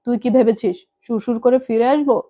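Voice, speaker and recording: A woman's voice: a little high, brisk, mellow, lightly acted. A woman voicing an angry, proud middle-aged mother who scolds her daughter over the phone in a heavy voice. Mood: scolding, furious.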